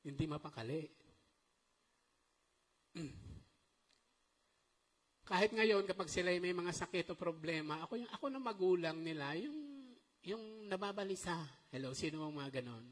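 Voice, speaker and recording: A middle-aged man preaching in a church hall with a high, lifted voice. He keeps the delivery animated and turns to the congregation for responses. A long reverb trails behind every phrase. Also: normal speed, pauses often. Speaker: pastor. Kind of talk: sermon.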